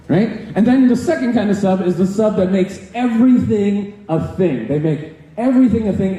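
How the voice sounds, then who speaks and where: A young American man doing stand-up comedy on a stage mic, animated and tossing in rhetorical asides. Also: high-pitched. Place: live comedy stage, hall. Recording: very echoey live hall.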